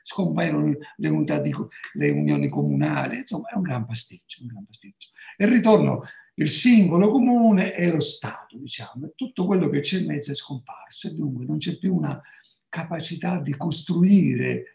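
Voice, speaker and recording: A man's voice: on the high side, sing-song, normal speed, vocal fry, darkish tone. A man in his sixties lecturing informally on a video call in an emphatic manner, repeating key phrases. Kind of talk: informal academic lecture discussion. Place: book-lined home study, video call. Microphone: video call microphone. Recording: roomy, dull video-call audio.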